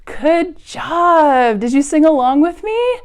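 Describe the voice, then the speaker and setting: A woman reads to a group of small children and chats with them at preschool storytime, using simple, encouraging language with exaggerated sing-song stress. Her voice is high-pitched and animated. She takes it slowly.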